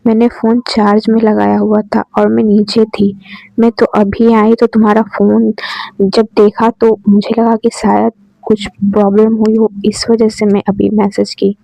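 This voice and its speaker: A woman's voice: medium pitch, monotone, measured pace, gravelly, mellow, no room sound. A woman voicing a caring young woman who coaxes her partner with many questions, on a dull, dry lo-fi recording. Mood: gentle. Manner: coaxing, asks many questions at once.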